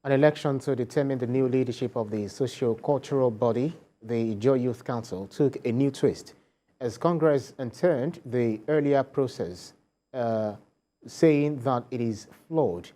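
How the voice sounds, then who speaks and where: Mellow Nigerian male news anchor. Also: mid-range voice, measured pace. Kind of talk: scripted news reading.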